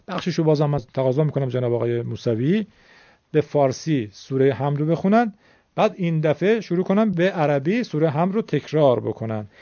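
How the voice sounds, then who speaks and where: Male recitation teacher, higher-pitched, dry lo-fi recording, demonstrative vowel drills. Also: dark tone, dry recording. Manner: explanatory, demonstrates sounds by drawing out vowels. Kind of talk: classroom lecture.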